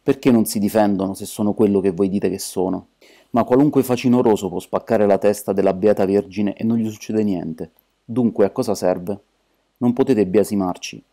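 A bitter, defiant young woman in grief, read in a man's own low voice. The tone is dark and unyielding. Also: moderate pace.

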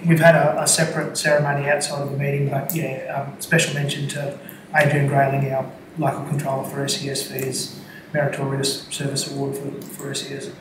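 A man speaking as a councillor in a meeting, explaining budget figures in a halting way, with many restarts. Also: mid-range voice, monotone. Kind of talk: formal meeting discussion. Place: council chamber. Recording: echoey chamber, distant mic, noisy.

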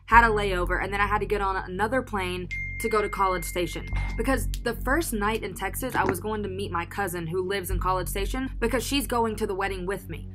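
A young woman vlogger tells a travel story in a chatty, dramatic way, full of filler words. Her voice sits at a middle pitch. Music plays behind her. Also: a little fast, hardly any pauses. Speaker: vlog host. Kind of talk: casual storytelling vlog.

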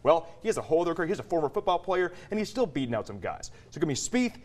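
A man's voice: on the high side, very animated, very fast. A man from Texas co-hosting a TV sports debate, pressing his case firmly with "look" and "okay?". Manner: assertive, argues a point with "look" and "okay?". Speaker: TV sports co-host. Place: TV studio.

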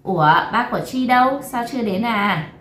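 A woman's voice: fairly high pitch, a little fast, a bit bright, reverberant, recorded from a distance, voice pushed up, close to an everyday voice, rough recording. A woman voicing a cheerful teenage schoolgirl friend in a read-aloud story, eager and chatty.

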